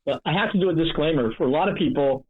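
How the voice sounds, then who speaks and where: A man in his late seventies chats eagerly as an interview guest, his voice pitched a little higher than most men his age. The sound is husky and comes through a thin, phone-like call line. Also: racing. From North Jersey. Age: 70s. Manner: energetic, chatty storyteller. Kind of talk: interview conversation.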